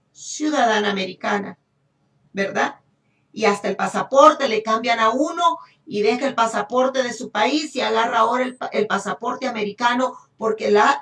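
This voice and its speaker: A woman with a Honduran Spanish accent delivers a sermon teaching the Bible to a congregation, speaking emphatically, repeating phrases and checking in with rhetorical questions. Her voice sits on the high side and is a bit bright, captured by a distant microphone in an echoey room.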